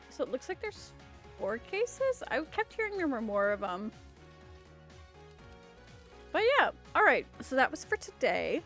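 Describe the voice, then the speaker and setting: A woman's voice: sits high, a bit bright, husky. A woman game streamer wrapping up her stream, bubbly, enthusiastic and rambling at a desk mic. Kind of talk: casual stream wrap-up chat.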